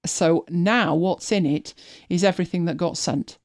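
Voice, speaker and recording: A woman's voice: fairly low pitch, normal speed, no echo, studio quality. A woman hosting a live stream, chatting casually as she walks viewers through her screen, thinking aloud and often restarting her sentences. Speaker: host.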